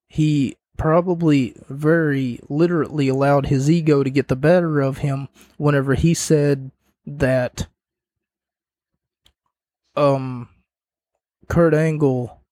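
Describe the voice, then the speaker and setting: A man with a slightly high, somewhat mellow voice hosts a casual wrestling show review and recap, recorded with no room sound. He rambles with jokey asides, and his voice is starting to wear out.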